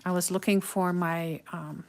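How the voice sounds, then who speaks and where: In a live craft tutorial, a middle-aged Dutch-accented woman from the Netherlands talks with viewers in an unhurried, reflective way, often using "um." Her lowish voice has fairly even intonation, with a little hiss or hum in the recording.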